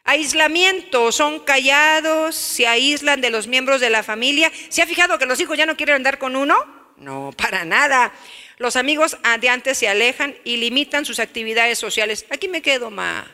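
High, bright Mexican woman preaching. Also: normal speed, long reverb tail. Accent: Mexican Spanish. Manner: animated, acts out family scenes, rhetorical questions. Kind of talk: sermon.

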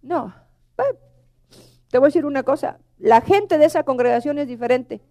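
A woman's voice: high-pitched, animated, moderate pace, dark tone. A middle-aged woman preaching a sermon, emotional and pleading, often calling out to the congregation.

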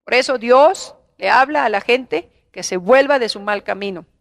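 A woman with a Mexican Spanish accent preaches to her Bible class with fervor, scolding and firing rhetorical questions at the young. Her voice sits high, and the recording is dry and close with little room sound. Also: moderate pace, vocal fry, no room sound.

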